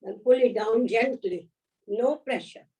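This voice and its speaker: A woman leading a yoga class, giving gentle, unhurried instructions, counting holds and offering encouragement. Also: fairly high pitch. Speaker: yoga teacher. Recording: voice from a distance off the mic.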